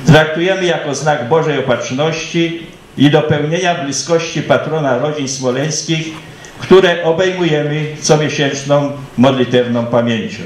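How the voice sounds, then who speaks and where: A man's voice: mid-range voice, roomy sound, a little hiss or hum, poor audio. A man delivering a formal, solemn commemorative welcome speech in a declamatory way, as if reading it out. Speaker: ceremony speaker welcoming guests.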